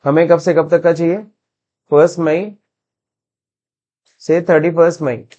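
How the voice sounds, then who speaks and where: A man's voice: fairly high pitch, flat delivery, unhurried, mellow, highs cut off. Man teaching accounts in a mixed Hindi-English lesson. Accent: Indian English. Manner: mixes Hindi and English, asks and answers his own questions. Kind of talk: screen-recorded classroom lesson.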